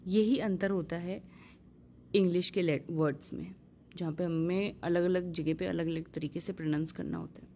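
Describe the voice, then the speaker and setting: A woman teaching English vowel sounds in a patient lesson, spelling out example words slowly. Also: on the low side, fairly even intonation, vocal fry, a little mellow, a little hiss or hum. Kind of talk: Hindi-language pronunciation lesson.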